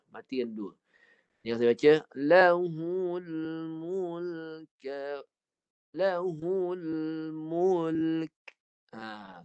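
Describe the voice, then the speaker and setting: A man's voice: mid-range voice, dark tone. A man with a Malaysian accent teaching Quran recitation, modelling each word and asking the class to repeat it. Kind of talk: slow recitation lesson. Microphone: online class recording. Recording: dull lo-fi online class audio.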